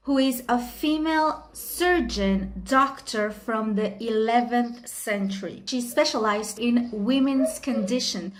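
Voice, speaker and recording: Woman hosting a history vid, kinda high voice, chatty, lots of little asides. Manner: chatty, with frequent asides and light laughs. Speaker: history video host. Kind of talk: casual educational explainer.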